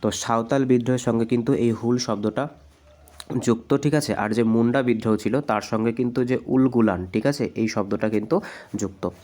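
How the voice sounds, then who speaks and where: Hoarse male tutor from West Bengal, patient explainer, mid-pitched, keeps checking that students follow. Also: fairly quick, darkish tone. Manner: explanatory, repeats "ঠিক আছে?" often. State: hoarse from a cold. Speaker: exam coaching teacher. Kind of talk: exam practice lesson.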